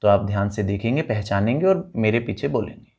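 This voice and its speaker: In an online language lesson, a man with a low-ish, gravelly, darkish voice and lively intonation teaches Sanskrit. He reads out words slowly and draws them out one by one for students to repeat, explaining each one in Hindi and English.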